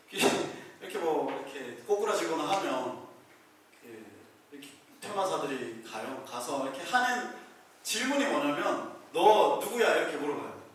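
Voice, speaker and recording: A male pastor giving a conversational sermon, telling the story in a lively way and acting out the scenes. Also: a little high, a little hiss or hum. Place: small church room. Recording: very echoey room, mic far off.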